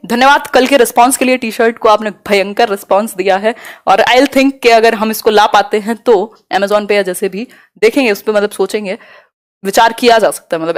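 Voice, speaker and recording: A woman teaching a live online exam-prep class, talking quickly and conversationally and checking in with her students often. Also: medium pitch.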